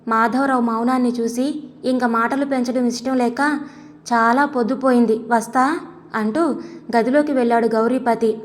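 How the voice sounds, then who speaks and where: A woman narrating an audio story in a steady, measured reading. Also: on the high side. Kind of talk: scripted narration. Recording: long echoey reverb.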